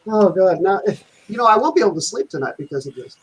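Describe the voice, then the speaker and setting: A man's voice: high voice, lively intonation, quick pace, very noisy. A man co-hosting a live stream from home, protesting his friends' teasing with mock outrage. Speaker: regular co-host. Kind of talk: casual banter on a live stream. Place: at home in Germany.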